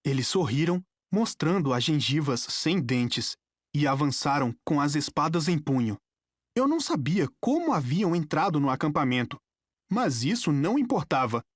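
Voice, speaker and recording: Woman narrator with a Brazilian accent, deep and very lively, dramatic audiobook reading. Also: normal speed, dry recording, studio quality. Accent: Brazilian Portuguese. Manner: dramatic, expressive storytelling. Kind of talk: scripted narration.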